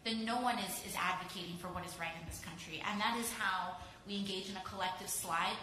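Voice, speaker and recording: A woman's voice: mid-range voice, fairly even intonation, brisk, sharp tone, slight background noise. A woman panelist speaking with passion and emphasis, returning to the same phrases again and again. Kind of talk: impassioned panel remarks. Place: panel event hall. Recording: echoey hall.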